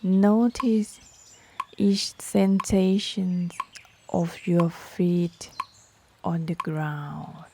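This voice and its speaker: A woman leading a guided meditation in short, sparse phrases with long pauses, her voice soft, breathy and partly whispery. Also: fairly low pitch, little pitch movement, a little hiss or hum. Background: metronome clicks.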